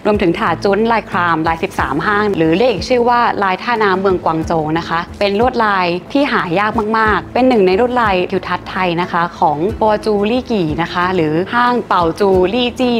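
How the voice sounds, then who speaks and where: Brisk woman presenting auction pieces over music. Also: mid-range voice. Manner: polite, informative, frequent soft sentence-final particles. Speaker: auction specialist. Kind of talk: scripted presentation of auction highlights. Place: gallery showroom with glass display cases. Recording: clear music bed behind voice.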